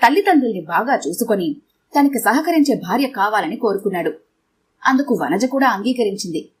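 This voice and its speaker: A woman narrating an audio story in a steady, measured reading. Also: mid-range voice, husky.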